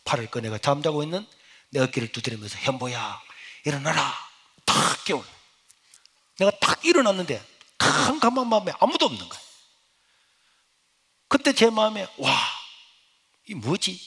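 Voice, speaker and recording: A middle-aged male pastor, preaching a sermon as personal testimony. He swings from loud exclamations to hushed, near-whispered lines. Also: a little high, sing-song, normal speed, pauses often, slightly rough.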